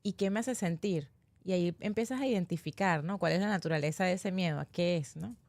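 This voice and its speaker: A woman's voice: fairly low pitch, brisk, darkish tone, no echo. Thoughtful woman, breathing specialist guest. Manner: thoughtful, sharing personal reflections. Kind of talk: live online workshop conversation.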